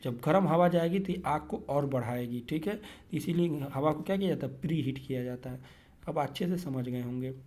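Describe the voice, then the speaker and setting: A man's voice: on the high side, darkish tone. Man teaching exam questions. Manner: explains step by step, repeats "theek hai" often; reads English questions slowly, then explains in Hindi. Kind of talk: exam prep lesson.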